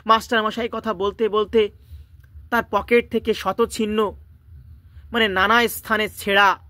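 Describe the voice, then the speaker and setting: Male teacher with a high, bright voice, reading and explaining a story line by line, dry close recording. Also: level tone, measured pace, dry recording. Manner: stops often to explain words and restate lines.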